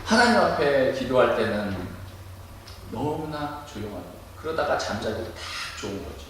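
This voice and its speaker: A male pastor preaching a sermon in a church, lively and demonstrative, acting out loud cries to make his point. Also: medium pitch, moderate pace, slight background noise. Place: church sanctuary. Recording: echoey room, mic at a distance.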